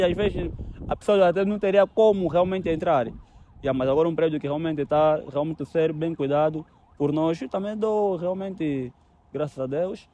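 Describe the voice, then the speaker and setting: A man's voice: on the high side, mellow. A young man with an Angolan accent explaining things casually and repetitively as he is interviewed outdoors. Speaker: caretaker being interviewed. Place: outdoors on a rooftop above the city. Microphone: handheld mic held by interviewer. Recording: open-air handheld with background noise.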